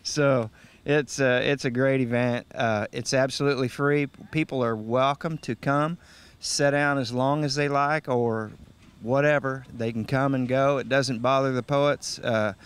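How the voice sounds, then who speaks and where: A man's voice: medium pitch, fairly even intonation, a little slow, clear, resonant tone. A man with a folksy, easygoing manner, speaking casually as an interview guest who organizes and emcees events.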